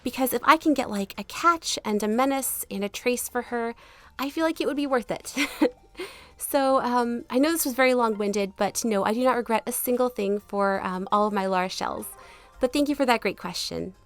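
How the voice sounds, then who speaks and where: Fairly high-pitched and fairly bright, this woman talks at a normal speed with no echo, answering viewer questions as she plays through a gaming video. She's chatty, polite, and easygoing, laughing readily, and her voice is still not quite back after an illness. Background music runs under her voice.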